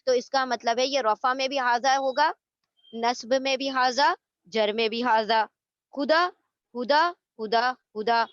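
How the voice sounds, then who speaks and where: High-voiced woman teaching grammar patiently. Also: fairly bright tone, no echo, dull audio. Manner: explains patiently, repeats terms, mixes English words into Urdu. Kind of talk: recorded online lesson.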